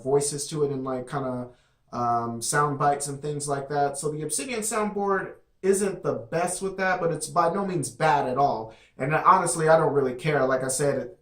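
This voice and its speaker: A man's voice: fairly high pitch, a bit bright. A man casually reviewing a product, rambling with many fillers and restarts. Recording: echoey room.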